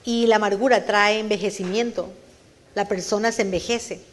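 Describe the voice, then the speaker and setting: A woman's voice: medium pitch, fairly even intonation, normal speed, a little hiss or hum. A woman preaching a sermon at a church service, earnestly questioning her listeners and repeating phrases for emphasis. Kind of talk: Spanish-language sermon.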